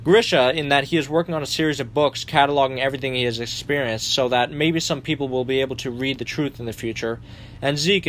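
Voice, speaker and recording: A young man narrating a story summary with a sardonic edge, dropping the odd curse word. His voice sits at a middling pitch, with a faint hiss of background noise. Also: a bit bright. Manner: sardonic, occasional swearing. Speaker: commentary video host. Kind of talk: narrated fan rewrite summary.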